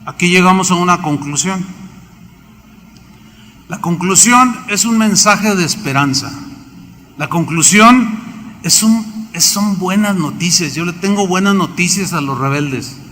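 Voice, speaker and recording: A man with a Mexican accent preaching a sermon as pastor, animated, acting out biblical characters and asking the congregation questions. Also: fairly high pitch. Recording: reverberant hall, faint background noise.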